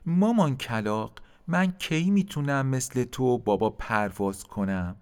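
Brief: eager baby crow, put on by a male narrator, raised and lively. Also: mid-range voice, clear, resonant tone, natural voice. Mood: curious. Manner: eager, questioning. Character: small curious baby crow.

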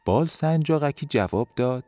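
A man narrating a children's bedtime story in a gentle, unhurried way. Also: mid-range voice, expressive, no echo, faint music behind.

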